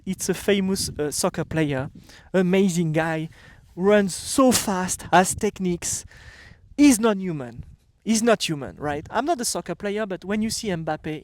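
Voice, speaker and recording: A middle-aged man with a French accent, a native French speaker, gives a motivational talk straight to his viewers. His voice sits high, and he repeats phrases for emphasis. The recording is dry and close, with no room echo. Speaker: vlogger and coach. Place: countryside home.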